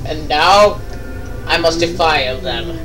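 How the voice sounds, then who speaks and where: A man with a slightly high voice takes his time as he jokes around during a let's play, throwing in exclamations and mock-dramatic lines. The mic sounds distant, and video game music plays over him.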